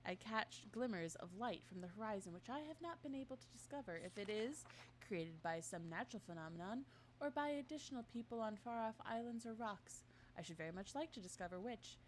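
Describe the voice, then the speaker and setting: With a medium-pitched voice and slight hiss or hum behind it, a woman reads from an in-game journal in a mock-formal tone. She's co-hosting a casual game stream with a friend and keeps breaking off to laugh and chat.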